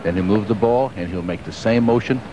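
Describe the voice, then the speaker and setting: A man's voice: lowish voice, fairly quick. A man working as a golf analyst, explaining technique step by step in conversational live commentary on a 1980s broadcast. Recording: noisy 1980s television broadcast.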